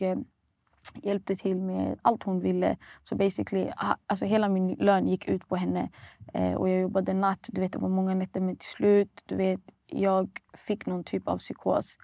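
A woman's voice: medium pitch, completely flat delivery, vocal fry, warm tone, dry recording. A young woman, a guest recounting a painful personal story and acting out the dialogue. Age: young adult. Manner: retells events acting out quoted dialogue, many fillers. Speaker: guest poet.

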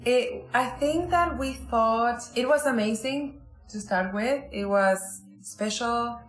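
A woman from Argentina talking as a guest in a casual interview, unhurried and laughing often. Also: a little high, reverberant. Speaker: guest designer.

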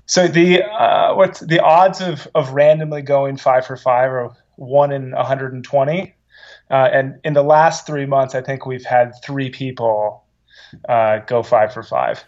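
A man's voice: medium pitch, steady tone, measured pace, lo-fi sound. A man who runs a coffee company, telling stories in an interview with eager restarts. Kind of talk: casual interview answers.

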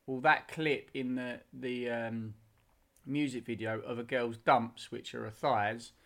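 A man with a British accent co-hosting a podcast, chatting casually with jokey, deadpan asides. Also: mid-range voice, unhurried. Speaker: podcast co-host.

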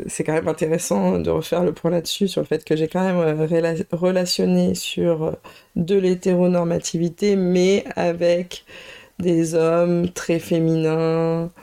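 A woman hosts a podcast, recounting her own story in a thoughtful, halting monologue. Her voice has a soft gravelly fry and a warm, darker tone. She pauses often with filler sounds as she gathers her thoughts. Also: low voice. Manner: reflective, hesitant, with frequent filler sounds. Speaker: podcast host.

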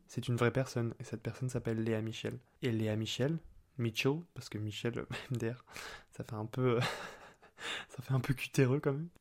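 A man's voice: medium pitch, a little mellow. A young man hosting a casual solo podcast, chatty and playful, using slang and laughing often. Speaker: podcast host. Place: apartment.

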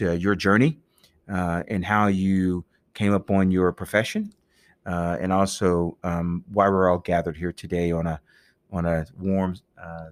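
Deep-voiced male podcast host. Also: no room sound. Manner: steady, affirming listener, frequent fillers. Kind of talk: podcast interview.

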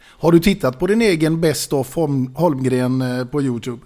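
A man's voice: mid-range voice, darkish tone. A man hosting a podcast, asking interview questions and offering brief, encouraging interjections. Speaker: podcast host.

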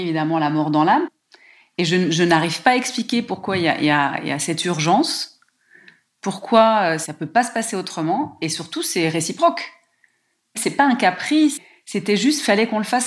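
Woman telling a heartfelt personal story. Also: on the low side. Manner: lively, emotional retelling with frequent hesitations. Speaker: guest telling her life story.

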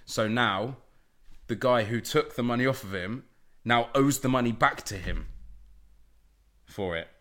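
A man co-hosting a casual podcast chat, talkative and quick to argue his point, swearing freely. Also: mid-range voice, a bit bright. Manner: chatty, argumentative, swears. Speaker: podcast co-host.

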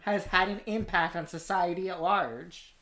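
A woman's voice: on the low side, fairly even intonation, a little slow, fairly bright tone. A woman co-hosting a casual podcast, trading dry, jokey banter. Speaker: podcast co-host.

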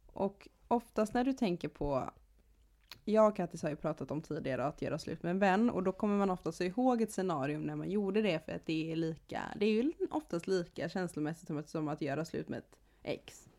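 Teasing woman podcast co-host, low voice. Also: mellow. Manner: teasing, playful. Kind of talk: casual chat.

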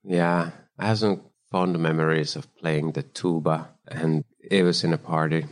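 A Finnish man, a founder and composer, telling his story in a thoughtful, measured way in a relaxed interview. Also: a bass voice. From Finland. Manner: thoughtful, measured, loose phrasing. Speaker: guest, startup founder and composer. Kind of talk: casual interview chat.

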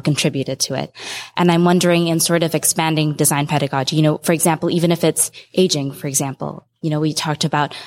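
A young woman from Singapore asking the panel a thoughtful question, hedging often. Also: low voice. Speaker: audience member asking a question. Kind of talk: audience question at a live panel. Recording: long hall reverb.

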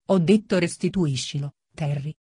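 A woman reading the part of a calm, stubborn gentleman adventurer in slow, even speech. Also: low voice, husky, no echo, clean studio sound.

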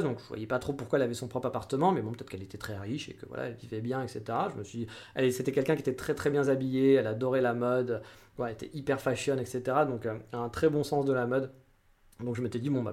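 Man in his forties, podcast host, rapid frank storyteller, mid-pitched voice. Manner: chatty, frank, many fillers and restarts. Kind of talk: casual storytelling monologue.

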